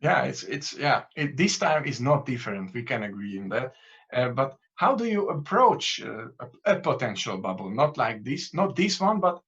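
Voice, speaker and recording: Guy hosting an interview, husky voice, lots of restarts, muffled sound. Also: medium pitch, sing-song, normal speed, fairly bright tone. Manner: hesitant, many restarts, laughs between points. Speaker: interview host. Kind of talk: interviewing a guest.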